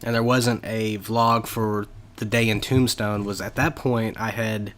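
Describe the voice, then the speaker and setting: A man's voice: on the low side, little pitch movement, unhurried, fairly bright tone. A man co-hosting a podcast, chatting casually and rambling through long explanations with lots of fillers. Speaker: podcast co-host. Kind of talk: casual chat.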